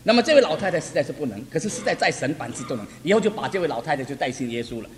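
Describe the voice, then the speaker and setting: A man's voice: fairly high pitch, rapid-fire. A man preaching a testimony sermon, telling stories animatedly, repeating phrases and chuckling. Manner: repetitive, animated storytelling with chuckles. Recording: reverberant hall, faint noise.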